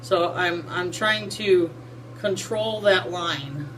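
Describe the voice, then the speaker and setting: In a small home bathroom, a skincare vlogger in her forties gives a casual, folksy how-to chat about her routine, full of fillers. She speaks slowly in a lowish, fairly bright voice. Recorded on a close built-in camera mic, the audio is poor with slight background noise.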